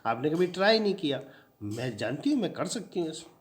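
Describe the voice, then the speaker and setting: A man's voice: on the high side, big pitch swings, brisk, pitched above the performer's own voice. A man voicing a bossy, commanding woman. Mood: persuasive. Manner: forceful, insistent, commanding. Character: bold domineering middle-aged woman, a smoker.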